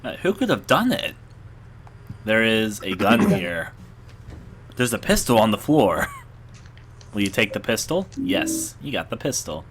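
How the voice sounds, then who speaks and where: Man, casual game commentary, bright forceful voice, faint hiss. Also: fairly low pitch, sing-song, measured pace, long pauses. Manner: laid-back, jokey, explains the game.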